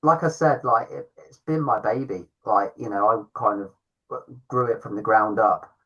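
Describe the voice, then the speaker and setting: A man's voice: on the low side, moderate pace, sharp tone, breathy edge, highs cut off. A man, a podcast host and club founder, chatting in an enthusiastic, self-deprecating way. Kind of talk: casual chat.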